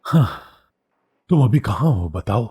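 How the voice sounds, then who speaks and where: A man's voice: on the low side, sing-song, measured pace, dark tone, breathy edge, heavily acted. A man dubbing a drama, playing a busy, fussy middle-aged father who protests a lot and dotes on his daughter. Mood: hurried. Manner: fussy, protesting, fond laughter. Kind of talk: dubbed drama acting.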